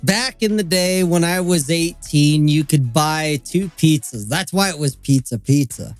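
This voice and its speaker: A man's voice: on the high side, no room sound, faint music behind. Profane man lecturing on a dry mic. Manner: profane, lecturing, drawn-out points. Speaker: live stream host. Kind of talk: casual group chat on a live stream.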